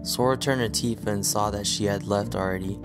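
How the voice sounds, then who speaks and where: A man narrating a fan audio drama as a storybook reading in a steady, even manner. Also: on the low side, fairly quick. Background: faint music.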